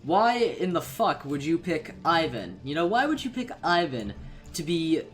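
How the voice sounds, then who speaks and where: A man's voice: fairly high pitch, sing-song, a little slow, fairly bright tone. A man giving a casual, rambling game-ranking commentary, full of fillers and swearing, in a playful tone. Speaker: gaming YouTuber.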